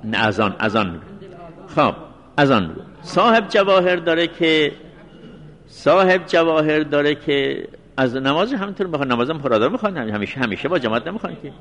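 Male seminary teacher, religious law lecture, repeats citations slowly, recited phrases, long hall reverb. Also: on the high side, expressive, a bit bright.

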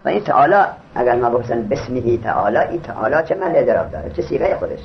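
A man's voice: mid-range voice, big pitch swings, creaky, a little hiss or hum. A man teaching Arabic grammar in a classroom lecture. He reads the text aloud, explains it in casual speech and quizzes his students. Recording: dull lo-fi recording.

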